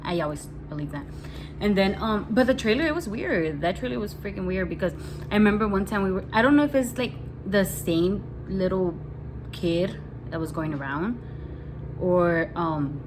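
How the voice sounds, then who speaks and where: Speaking at a moderate pace in a mid-range voice, a young woman vlogs a nervous, meandering story to her camera, leaning on "like" as filler nearly every sentence. The home recording carries constant outdoor noise from building washing.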